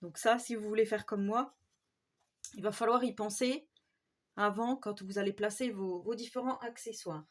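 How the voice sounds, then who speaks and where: A woman's voice: medium pitch, steady tone, moderate pace. A woman from Haute-Marne with a marked regional French accent, chatting hesitantly through a craft tutorial and often adding "hein". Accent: Haute-Marne French with Swiss border touches. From Haute-Marne, France. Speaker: craft YouTuber. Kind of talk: casual DIY tutorial talk.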